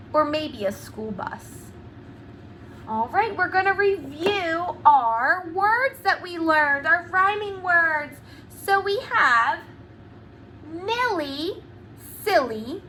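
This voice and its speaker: Bright, high, and animated, a woman teaches preschoolers through a lively read-aloud lesson. She pronounces each word with care and puts questions to the children, with slight background noise in the clip.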